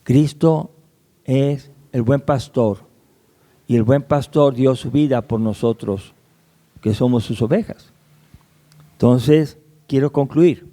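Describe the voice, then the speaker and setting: A man, a pastor preaching a sermon, asking the congregation rhetorical questions and rising in pitch on key words. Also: slow pace, long pauses, mellow.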